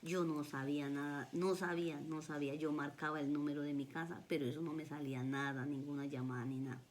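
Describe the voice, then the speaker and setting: A woman with a Colombian accent recounts her own life story in an earnest, emotional way, circling back over her words. Her voice sits low, and a faint hum of room noise stays underneath. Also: level tone, brisk. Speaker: vlogger. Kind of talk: personal life story told to camera.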